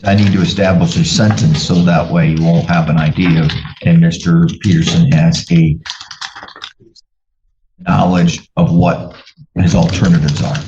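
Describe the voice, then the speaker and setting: A man speaking as a judge in court, measured and procedural, pausing with fillers, heard on a courtroom recording. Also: low-pitched, steady tone, warm tone. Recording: roomy, dull courtroom recording with faint hiss.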